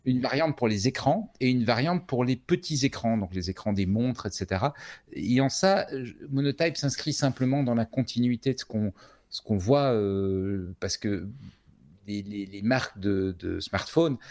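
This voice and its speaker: A man's voice: medium pitch, animated, normal speed, a little mellow. A man co-hosting a casual tech podcast, explaining things at length with frequent fillers and restarts. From Switzerland. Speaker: podcast co-host.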